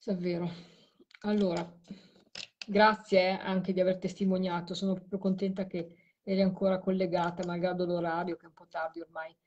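A woman's voice: fairly low pitch, little pitch movement, normal speed, a little mellow, muffled recording. A tired woman hosting a late live stream, talking to a caller while she replays audio clips. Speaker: host of a live show on spirit voice recordings.

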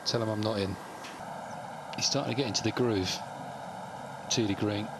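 A male golf commentator with a fairly low voice speaks in short, clipped phrases. Loud outdoor ambience surrounds him. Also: normal speed, heavy background noise.

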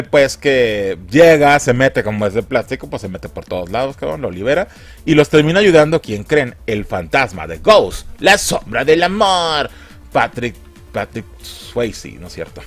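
A man with a Mexican accent reviewing a film in a comedic way, mocking, exasperated and crude. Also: medium pitch. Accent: Mexican Spanish.

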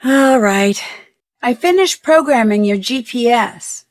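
Voicing a persistent, inquisitive young amateur detective for a video game, this woman is polite, earnest, and crisply questioning. Her fairly high, expressive voice takes things slowly, captured at studio quality without echo.

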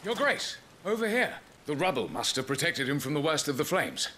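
A man's voice: fairly high pitch, very animated, brisk, pushed and bright, slight background noise. An actor playing a brusque soldier who serves a noblewoman in a dramatic video game. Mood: alert, dutiful.

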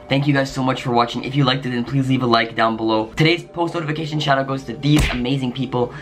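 A man hosting a casual vlog, talking in jumpy, scared exclamations and sometimes dropping to a hush. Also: mid-range voice, steady tone, fast talker, faint music behind. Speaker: YouTuber host.

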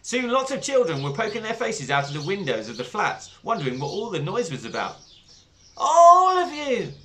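A man reading a children's book aloud with animated, expressive storytelling. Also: fairly high pitch, a little fast, a little hiss or hum. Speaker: book club reader.

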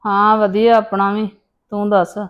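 A woman's voice: medium pitch, completely flat delivery, a little slow, clear, resonant tone, highs cut off, natural voice. A woman playing a fretful, grumbling and demanding mother-in-law in a family drama. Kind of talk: dramatic monologue and phone dialogue in a family serial.

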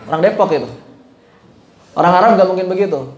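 High-voiced man teaching in an echoey room. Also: brisk. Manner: asks the class questions, mixes casual speech with chanted Arabic. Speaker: Quran recitation teacher. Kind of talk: informal religious lesson.

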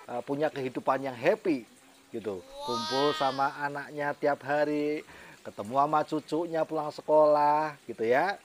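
A man's voice: fairly high pitch, very noisy. A middle-aged man telling a personal story in a vlog, chatty and motivational, laughing often. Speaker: network marketing team leader.

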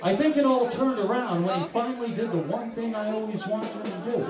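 High-pitched male emcee in an echoey club. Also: a little fast. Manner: theatrical, projecting to the audience. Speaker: comedy show host and emcee. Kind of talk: stage emcee patter. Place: small dark club stage, indoors. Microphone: handheld stage microphone, captured by a far camera. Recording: echoey club PA from far off, crowd noise.

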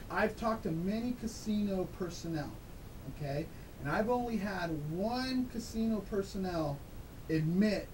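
Male interview guest, disguised voice, slightly high, casual instructor checking in often, noisy low rumble behind. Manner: emphatic, often checks with "okay?". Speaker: guest, dice-control instructor. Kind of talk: casual explanatory interview talk. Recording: clear background noise with low rumble.

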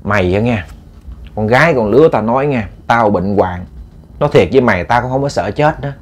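A man's voice: medium pitch, brisk, lightly acted. A man voicing a stern, sick old mother who scolds her daughter bluntly and at length.

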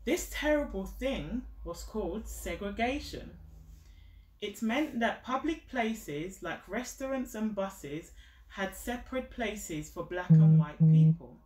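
A woman in her thirties, with a warm, animated, medium-pitched voice, reads a picture book slowly to a child on the sofa in her living room. She keeps her explanations simple and encouraging. The camera sits a step or two away, so the mic is distant and the room sounds echoey.

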